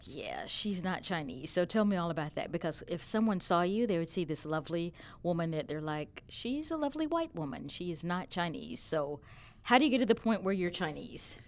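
A middle-aged woman hosting a podcast panel, introducing guests and asking questions in a lively, upbeat way. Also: on the low side, brisk. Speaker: podcast host. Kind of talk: casual panel talk.

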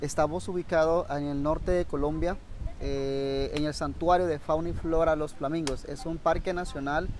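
A man's voice: a little high, fairly even intonation, fairly quick, a little mellow, a little hiss or hum. A man in his thirties, a local bird guide, giving a formal welcome outdoors under a thatched shelter. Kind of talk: on-camera introduction.

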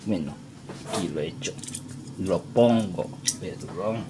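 Man, non-native Spanish, slow and searching for words, home cook, noisy background. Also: low voice. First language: Japanese. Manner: halting broken Spanish, searching for words and apologizing. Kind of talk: casual cooking demonstration. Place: home kitchen.

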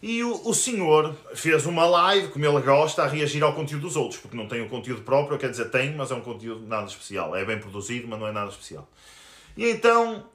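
A man's voice: fairly high pitch, sharp tone. A man in his twenties with a European Portuguese accent, ranting angrily and crudely on a live stream as a YouTuber. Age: 20s. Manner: angry, crude, confrontational. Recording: roomy echo.

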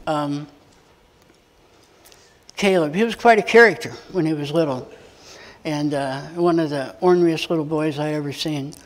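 Folksy preacher man in a reverberant church. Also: fairly high pitch. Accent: American. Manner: folksy storytelling, acts out dialogue, chuckles often. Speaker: pastor. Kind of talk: sermon with personal story. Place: church sanctuary. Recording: long reverb of a church hall.

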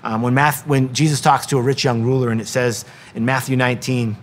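A man's voice: medium pitch, level tone, fairly quick. A middle-aged man, a wrestling coach, giving an earnest devotional talk with many ums and restarts, sometimes acting out the voices he quotes.

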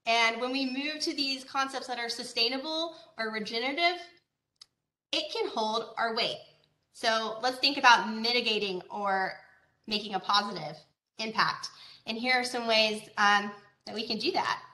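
A woman's voice: on the high side, moderate pace, pushed and bright, echoey room. A woman from Georgia giving an online presentation as an agricultural educator, talking conversationally with fillers and rhetorical questions over a video call. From Georgia, USA.

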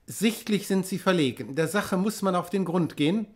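Measured male audiobook narrator. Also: sits high, animated, a little mellow. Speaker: audiobook reader.

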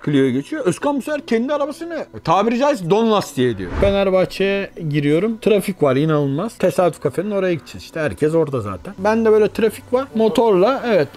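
A man's voice: high voice, sing-song, fast, few pauses, darkish tone. A man casually retelling a personal story, chatty and full of fillers, acting out his friends' quoted lines. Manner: acts out friends' quoted dialogue. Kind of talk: casual anecdote telling.

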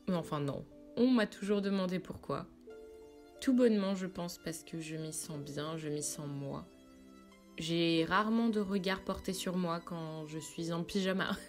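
A French woman with a lowish, slightly mellow voice narrates a road-trip travel vlog. She chats informally and confidingly, addressing the viewer directly, over background music.

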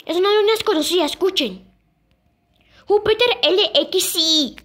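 A young girl casually presenting sound clips, pausing often and repeating "listen" and "I mean". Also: very high-pitched, a bit bright. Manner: halting, repeats "escuchen" and "o sea". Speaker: video creator presenting moon sounds.

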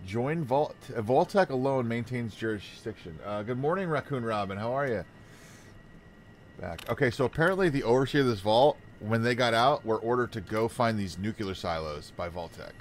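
Male streamer, lowish voice, reads game text aloud, stumbling a bit, faint background noise. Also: fairly quick. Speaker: livestreamer. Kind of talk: casual game livestream, reading in-game text aloud.

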